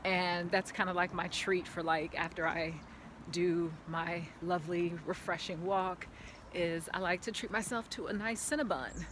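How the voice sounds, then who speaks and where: A woman's voice: lowish voice, fairly even intonation, moderate pace, background noise. A woman vlogging casually while walking on an outdoor park path, chatty and rambling, filling her talk with "like", speaking into a handheld camera. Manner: chatty, rambling, lots of "like" fillers; talking while walking uphill.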